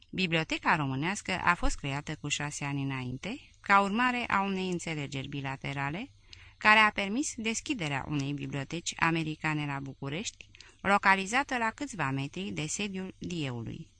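A woman narrates a memoir in a measured, carefully articulated reading. Her voice sits low, yet has a bright, pointed edge. She keeps an even, steady reading pace. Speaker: audiobook reader.

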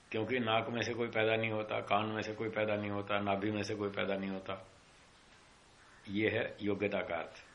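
Bright-voiced man lecturing on philosophy. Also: lowish voice, a little hiss or hum. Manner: explains slowly, repeats key terms, acts out characters in stories. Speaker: teacher of yoga philosophy. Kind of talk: classroom lecture with anecdotes.

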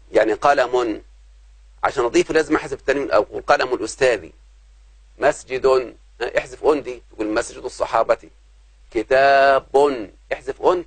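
A man's voice: mid-range voice, creaky, breathy edge, no echo. A man with an Egyptian accent teaching Arabic grammar to a class, often stopping to ask the students whether they understand. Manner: keeps checking if students understand.

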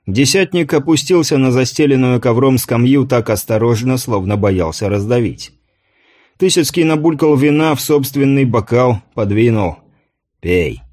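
A man narrating an audiobook in a steady storytelling manner. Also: medium pitch, normal speed. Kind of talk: scripted narration.

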